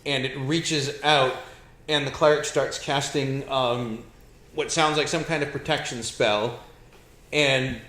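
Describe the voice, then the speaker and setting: A man running a tabletop game as game master, narrating off the cuff with halting, improvised phrasing. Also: medium pitch, a bit bright. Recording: echoey room.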